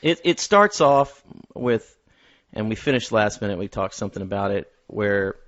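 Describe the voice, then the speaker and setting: Male podcast host, lower-pitched middle range, halting casual movie talk, slightly lo-fi recording. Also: expressive, a bit bright. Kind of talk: casual film discussion with a co-host. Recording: dull, lo-fi sound.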